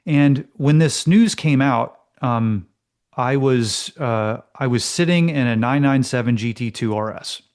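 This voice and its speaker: A man's voice: mid-range voice, a little slow, darkish tone. A man co-hosting a casual car talk show, telling a story with lots of fillers. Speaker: co-host. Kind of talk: casual chat.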